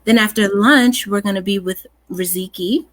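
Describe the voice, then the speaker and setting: A woman co-host and workshop facilitator in a casual livestream chat, talking in a soft, sultry way and breaking into laughter. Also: medium pitch, normal speed, no room sound, poor audio.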